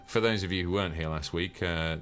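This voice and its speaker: A man's voice: low-pitched, fairly quick, a bit bright, faint music behind. A man chatting casually and self-deprecatingly as game master of a streamed tabletop game.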